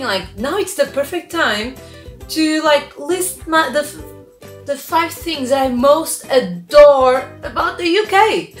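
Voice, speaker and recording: A young woman from Portugal chatting excitedly in a casual vlog, full of "like" fillers. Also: high voice, roomy sound. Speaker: vlogger.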